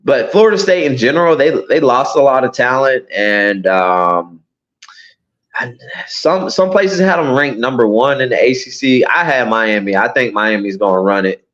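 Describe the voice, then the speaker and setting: A man's voice: mid-range voice, moderate pace. Laid-back man talking football, lo-fi. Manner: relaxed, hesitant, restarts often. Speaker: podcast co-host. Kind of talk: casual sports chat. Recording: dull lo-fi audio.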